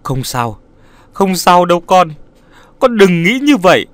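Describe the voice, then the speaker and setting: Male reader voicing sorrowful older mother, soft consoling manner. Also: fairly high pitch, pitched above the performer's own voice. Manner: soothing, pleading.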